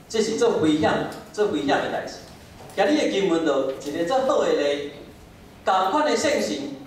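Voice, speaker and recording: A man with a Taiwanese accent preaching a sermon in an emphatic, conversational way, prompting listeners with short questions and interjections. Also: high voice. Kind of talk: sermon with rhetorical questions, closing in prayer. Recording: very echoey room, distant mic, faint noise.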